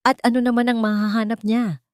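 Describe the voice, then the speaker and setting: A woman's voice: a little high, little pitch movement, fairly quick, smooth, dry recording, studio quality, pitched above the performer's own voice, lightly acted. A woman narrator voicing a cold, dismissive wealthy matriarch.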